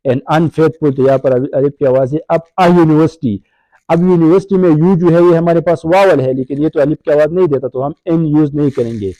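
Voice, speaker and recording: A man's voice: fairly high pitch, warm tone, no room sound, poor audio. A man giving a grammar lecture in a mix of Urdu and English, checking in with "right?" as he goes. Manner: explains in Urdu mixed with English, asks "right?" often. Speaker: grammar teacher. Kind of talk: recorded lecture.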